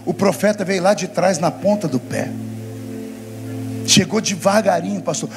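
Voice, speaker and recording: A man's voice: high voice, normal speed, vocal fry, over music. A man voicing an earnest, simple country man with a Minas Gerais accent who drawls through his story.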